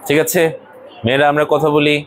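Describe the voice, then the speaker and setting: A man's voice: on the high side, flat delivery, fairly quick, rough recording. Male college English teacher, firm classroom lecturing, faint room noise. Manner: scolding and explaining, mixing English phrases into speech.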